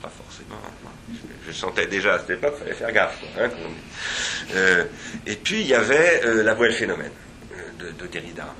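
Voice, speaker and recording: A man with a deep voice and a bright, forceful edge talks through ideas at an academic seminar. He is digressive and reflective, and often hesitates and restarts his phrases. He is speaking in a seminar room, with faint ambient noise behind him. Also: animated, brisk.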